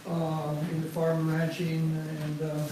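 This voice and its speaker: Man in his sixties, rambling, hesitant, slightly high, monotone, distant mic, echoey room. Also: unhurried, noisy background. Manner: rambling, hesitant, many fillers and restarts. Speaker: community member and former college administrator. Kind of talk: self-introduction at a meeting.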